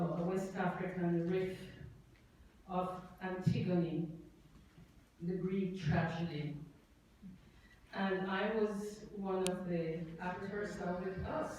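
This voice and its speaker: A middle-aged Jamaican woman speaking at a poetry tribute event, reflective and halting, with many fillers and restarts. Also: fairly low pitch, fairly even intonation, a little mellow, a little hiss or hum. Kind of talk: unscripted remarks before a reading. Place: event hall. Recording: very echoey hall, voice distant.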